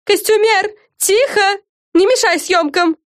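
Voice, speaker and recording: A pushy young witch who talks in a showy, presenter-like voice, as a woman puts her on. She is a bossy figure in a lively storybook reading. The recording is close and dry. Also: high voice, brisk, no room sound, voice pushed up. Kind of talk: audiobook character voice.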